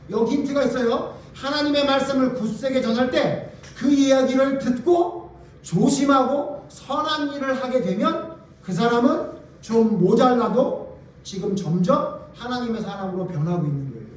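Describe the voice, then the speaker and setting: A man's voice: very high voice, a little hiss or hum. A male pastor preaching a sermon, emphatic, firing rhetorical questions at the congregation. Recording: very echoey hall, voice from far off.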